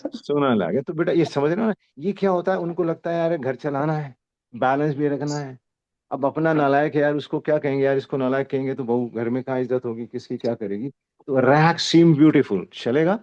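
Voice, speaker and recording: Older man teaching warmly over a call. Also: mid-range voice, fairly even intonation. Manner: fatherly, calls the presenter "beta", explains slowly with rhetorical checks. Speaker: senior homeopathy teacher giving feedback. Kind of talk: mixed Hindi-English teaching talk. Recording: muffled video-call audio.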